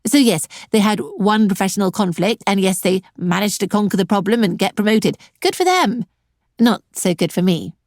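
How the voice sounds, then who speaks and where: A woman's voice: medium pitch, steady tone, a little fast, few pauses, a little mellow, no echo. A middle-aged woman hosting an online career webinar, talking directly to her viewers with a dry, sarcastic edge. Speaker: webinar host and career coach.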